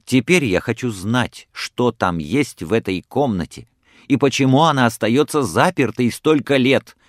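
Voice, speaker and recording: A man's voice: medium pitch, lively intonation, a little slow, no echo, studio quality, close to an everyday voice. A man reading aloud voices a defiant nineteen-year-old son who argues insistently with his mother. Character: bold young man of nineteen, defiant and stubborn.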